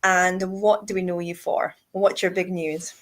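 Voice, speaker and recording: A woman's voice: fairly low pitch, flat delivery, measured pace. A woman with a Scottish accent, hosting a casual live chat in a chatty, enthusiastic way. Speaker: host.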